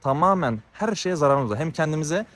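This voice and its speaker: A man's voice: a little high, lively intonation, fairly quick, fairly bright tone. A man vlogging as he walks through a small town, out of breath and talking in a heated, ranting way that often repeats itself. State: out of breath from walking. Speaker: travel vlogger. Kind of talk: walking vlog monologue. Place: outdoors on town streets. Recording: noisy outdoor street recording.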